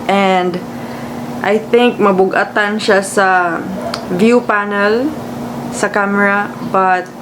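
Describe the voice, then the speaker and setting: Just-woke-up Filipina vlogger, clear background noise. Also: female voice, medium pitch, steady tone, slow. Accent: Cebuano Filipino. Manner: unpolished, rambling, switches between English and Cebuano. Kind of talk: casual vlog chat. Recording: clearly noisy room, air-conditioner-like hum.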